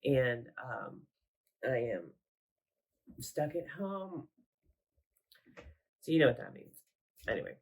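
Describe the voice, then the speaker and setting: A craft vlogger, sick and congested, shows off her craft projects at home in a casual show-and-tell vlog, chatting in a rambling way and correcting herself as she goes. Her nasal voice rumbles low and is slightly rough, with big pitch swings. She talks slowly and pauses often.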